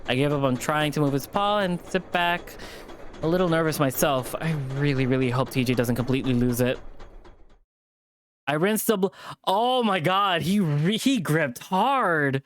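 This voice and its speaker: This visual novel reading comes from a man with a slightly high voice, lively intonation and a moderate pace. He chats in asides, sometimes fumbles words and rereads lines, with slight background noise behind him.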